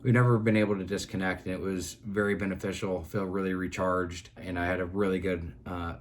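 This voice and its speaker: A man in his thirties with a somewhat low voice co-hosts a relaxed podcast conversation. He talks earnestly and loosely, circling back with fillers and restarts. A faint hiss sits under the recording. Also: a little fast. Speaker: podcast co-host. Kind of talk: casual chat.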